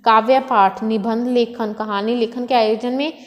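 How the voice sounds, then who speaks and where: A woman's voice: fairly high pitch, fairly even intonation, normal speed. A woman teacher explaining a lesson step by step, asking questions and answering them herself. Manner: asks and answers her own questions. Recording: echoey room with long reverb.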